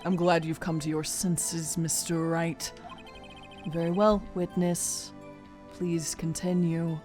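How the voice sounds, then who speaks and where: A woman's voice: on the low side, flat delivery, slow, darkish tone. A woman voicing a formal, haughty male prosecutor from a courtroom video game. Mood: smug. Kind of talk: amateur video game voice-over. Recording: music behind.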